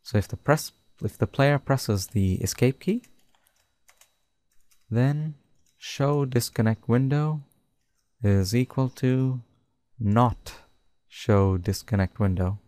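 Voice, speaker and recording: A man narrating a screen-recorded coding tutorial, dictating code slowly and step by step. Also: mid-range voice, dark tone, dry recording. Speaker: tutorial host.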